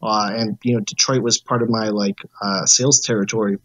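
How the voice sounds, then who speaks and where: A man's voice: on the low side, steady tone, a little fast, fairly bright tone. A man speaking as a guest in a casual podcast chat, hesitant and full of fillers.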